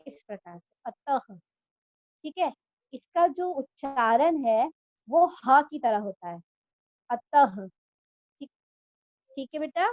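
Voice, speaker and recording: A woman teacher explaining grammar to children, patient and repeating each word slowly for them to copy. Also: sits high, lively intonation, no room sound, highs cut off. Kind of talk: Hindi grammar lesson for children.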